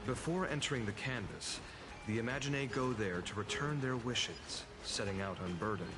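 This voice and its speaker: An actor playing a calm, courteous male guide in game audio with music behind. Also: medium pitch, normal speed, lightly acted.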